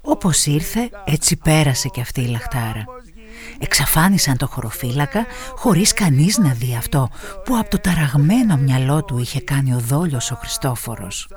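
A narrator reading a story in an expressive storytelling way. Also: medium pitch. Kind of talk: scripted narration.

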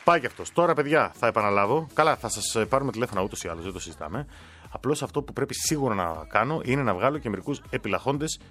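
A man's voice: mid-range voice, fairly bright tone. A man hosting a casual live-stream prize draw, reading winners' names aloud with joking asides. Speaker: host drawing giveaway winners.

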